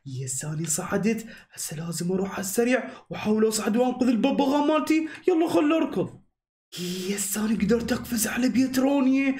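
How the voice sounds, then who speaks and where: A man with an Iraqi accent voicing an excitable young male hero in an animated game movie, talking breathlessly to himself. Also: very high voice, fast talker. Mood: excited. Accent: Iraqi Arabic. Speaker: voice actor and channel host. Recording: echoey room with background music.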